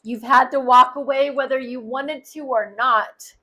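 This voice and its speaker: A woman's voice: high voice, steady tone, unhurried, sharp tone. A woman giving a tarot card reading, speaking earnestly and straight to the listener. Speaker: tarot reader.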